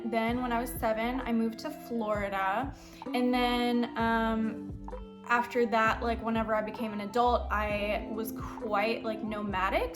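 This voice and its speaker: A young American woman, a worship pastor and singer, answering questions in a casual vlog with a rambling, chatty manner full of "like" and "um.". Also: on the high side. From United States.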